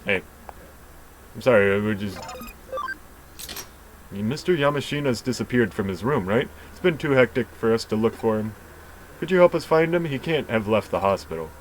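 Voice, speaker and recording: A man hosting a let's play, reading game dialogue aloud in a plain, low-key way with dry asides. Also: expressive, normal speed, long pauses, a little hiss or hum, poor audio.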